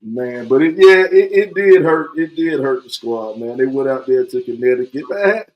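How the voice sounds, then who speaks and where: A man in his forties hosting a podcast, chatting casually, animated and joking, repeating himself often. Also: medium pitch, normal speed, muffled recording. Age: 40s. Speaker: podcast host.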